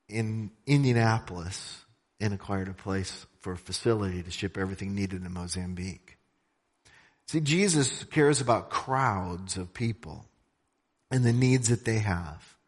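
A man from a missions organization telling a story to a church congregation in a conversational way, with asides to the audience. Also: medium pitch. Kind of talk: church talk. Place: church sanctuary. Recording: long hall reverb.

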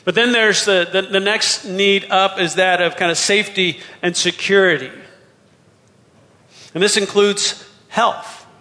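Bright-voiced pastor in a reverberant hall. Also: male voice, high-pitched, fairly even intonation, a little slow. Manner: conversational, with frequent restarts. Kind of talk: sermon. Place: church sanctuary.

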